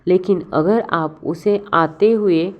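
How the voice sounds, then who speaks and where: A woman giving a calm spiritual self-help talk, unhurried and often restarting her words as she advises. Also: on the low side, highs cut off. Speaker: motivational speaker.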